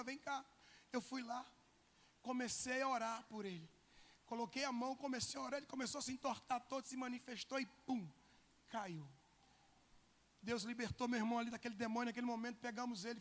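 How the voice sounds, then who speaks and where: A male pastor, telling a personal testimony in a sermon, moving between loud bursts and hushed lines. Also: very high-pitched, in a large hall. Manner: emotional storytelling, swinging from loud to hushed.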